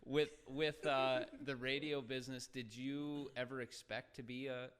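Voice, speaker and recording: A man's voice: medium pitch, flat delivery, a little slow, a bit bright, clean tone. A man hosting a casual podcast interview, upbeat and joking, laughing easily. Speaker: podcast host.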